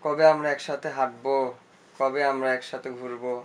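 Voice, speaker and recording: A man's voice: medium pitch, steady tone, fairly quick, natural voice. An actor playing a shy, lovesick young man, murmuring to a photo of his crush and getting flustered. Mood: dreamy longing. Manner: dreamy murmuring, then flustered and shouting. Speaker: lead character. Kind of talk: comic short-film acting.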